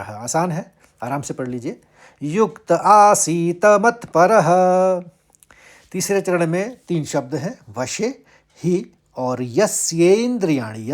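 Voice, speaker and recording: A man teaching Sanskrit verse recitation, chanting each line slowly and higher before explaining it word by word. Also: a little mellow. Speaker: Gita teacher. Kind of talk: slow Sanskrit recitation lesson.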